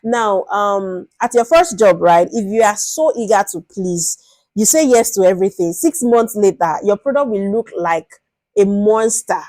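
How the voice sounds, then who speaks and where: A woman's voice: medium pitch, normal speed, a little mellow, no echo. A young woman from Nigeria with a Nigerian accent, giving an informal lecture on product management, often repeating words and acting out exchanges with stakeholders.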